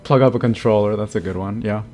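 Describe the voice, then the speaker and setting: An American in his thirties streams a game, chatting casually, answering his chat and laughing often. His voice is fairly low, a little mellow and fairly even, and he talks fast over soft background music.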